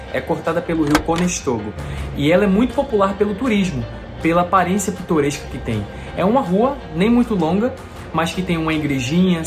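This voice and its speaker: A man from Recife, narrating a travel vlog voice-over in a friendly, upbeat way, with music playing underneath. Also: a little high. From Recife, Brazil. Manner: friendly, upbeat, recommending places. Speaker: travel vlogger. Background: background music.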